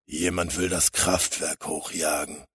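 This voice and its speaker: A man voicing a masked superhero who speaks calmly and steadily in a storybook reading. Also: extremely low pitch, husky, no echo, studio quality, full character voice. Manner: calm, measured heroics. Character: masked male superhero, calm and deep-voiced.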